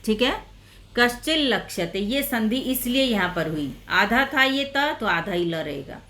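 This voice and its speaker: A woman's voice: fairly high pitch, expressive, unhurried, pushed and bright. A woman teaching a Sanskrit lesson in Hindi, explaining grammar patiently step by step and repeating each example.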